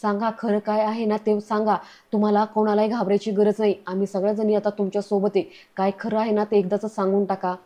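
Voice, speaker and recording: A woman's voice: mid-range voice, level tone, quick pace, warm tone, lightly acted. A woman reading a firm, truth-seeking young woman. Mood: insistent.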